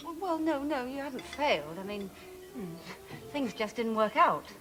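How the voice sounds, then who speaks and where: A woman's voice: on the high side, big pitch swings, normal speed, over music. An actress playing a middle-aged woman TV talk show host with dry, cutting wit.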